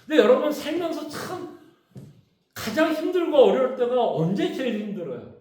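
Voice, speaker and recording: Pastor teaching in an echoey room. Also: male voice, very high voice, animated, normal speed, a little mellow. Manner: conversational, asks the congregation questions. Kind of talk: Bible study teaching. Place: church hall.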